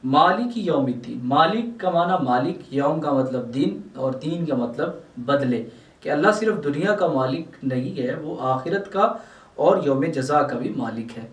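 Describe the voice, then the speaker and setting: A man's voice: fairly high pitch, lively intonation, far from the mic. Man teaching the Quran in an echoey room. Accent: Pakistani Urdu. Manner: recites Arabic verses, then explains word by word. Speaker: Islamic scholar teaching Quran translation. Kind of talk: religious lesson explaining verses.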